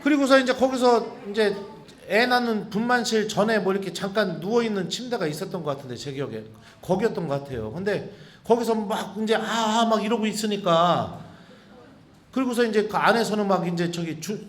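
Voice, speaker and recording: High-voiced priest telling stories. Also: male voice, a little fast. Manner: animated, chuckling storyteller. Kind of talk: retreat lecture, personal storytelling. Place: retreat talk before a group.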